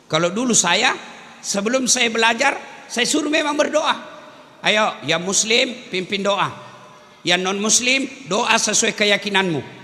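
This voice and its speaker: A man preaching to a hall full of teachers, with a high, bright and forceful voice. He jokes, teases and acts out classroom scenes in his own voice. The sound rings with the long reverb of a big hall. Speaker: preacher and lecturer. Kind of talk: lively religious lecture. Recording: echoing hall recording.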